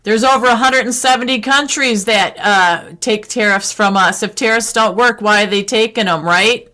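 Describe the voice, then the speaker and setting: Bright-voiced female co-host. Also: on the high side, normal speed. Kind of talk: talk show chat.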